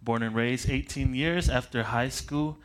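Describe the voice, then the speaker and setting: In a rough recording, a man in his late twenties from Michigan, a pastor, leads a prayer before introducing himself as a preacher. His medium-pitched voice is steady and measured, and his casual, self-deprecating manner includes chuckles, restarted phrases, and pacing around.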